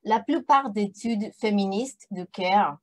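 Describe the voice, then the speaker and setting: A woman anthropologist speaking French with a non-native accent, giving an academic presentation over a video call, halting and repeating words with frequent fillers. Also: mid-range voice, a little mellow.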